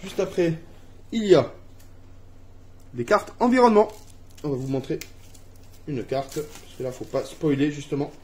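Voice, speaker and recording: A man's voice: on the high side, animated, moderate pace, long pauses, warm tone, breathy edge. A man from France casually unboxing a family board game at home, reading cards aloud and laughing at his own English accent.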